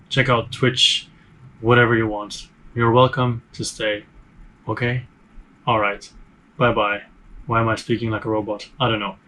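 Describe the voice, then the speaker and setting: A man's voice: mid-range voice, a bit bright, poor audio. A man hosting a board game review channel, talking casually to camera in a room full of game shelves, chatty and rambling, with many fillers and restarts.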